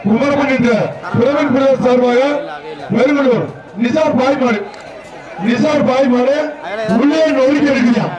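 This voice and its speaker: A man from Tamil Nadu calling out live commentary and shouted warnings at an outdoor bull-taming event, heard through a loudspeaker. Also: very high voice, fairly even intonation. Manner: shouted warnings and rapid calls. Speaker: event announcer. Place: outdoor festival arena. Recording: echoey loudspeaker from far off, loud crowd. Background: crowd noise.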